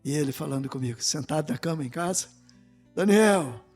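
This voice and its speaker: Brazilian male preacher, middle-aged, high voice, tells stories dramatically, drops to hushed tones then rises loud, acts out quotes. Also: quick pace, big-room sound, soft background music. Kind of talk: sermon storytelling.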